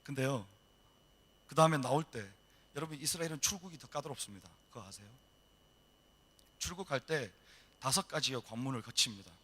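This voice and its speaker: A middle-aged male missionary telling a story in a sermon, acting out the dialogue in a lively way. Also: medium pitch, a little fast, long pauses, slightly rough. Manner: animated storytelling, acts out dialogue. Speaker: missionary preacher. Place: church hall.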